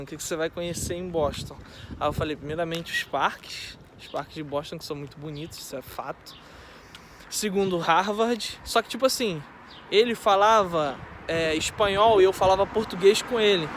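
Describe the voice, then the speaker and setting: A Brazilian man telling a story in a casual, animated way, acting out both sides of a conversation. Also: sits high, slight background noise. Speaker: vlogger.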